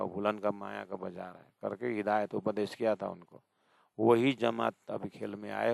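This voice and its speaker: A man giving a devotional discourse as a spiritual teacher, addressing his listeners directly and repeating verses slowly. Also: lowish voice, vocal fry, darkish tone, no room sound.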